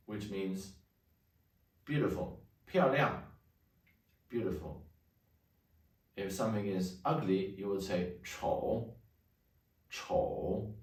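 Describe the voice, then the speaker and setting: Slow low-voiced man teaching Mandarin. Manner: slow, repeats each Chinese word twice. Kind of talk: language lesson. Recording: echoey room, a bit far from the mic.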